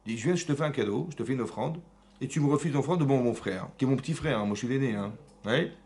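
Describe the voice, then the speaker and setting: A man's voice: medium pitch, animated, very fast, darkish tone, natural voice. A man voicing an indignant elder brother. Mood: aggrieved. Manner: aggrieved, self-justifying.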